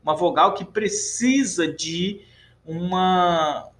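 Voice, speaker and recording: A man's voice: sits high, slow pace, fairly bright tone, roomy sound. A man with a Brazilian Portuguese accent teaching a recorded lesson in a chatty, encouraging way, asking questions and then answering them himself.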